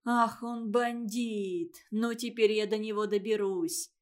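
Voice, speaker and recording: A woman voicing a quick-tempered, easily fooled mother. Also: fairly high pitch, natural voice. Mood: outraged. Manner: loud indignant. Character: quick-tempered gullible mother, middle-aged.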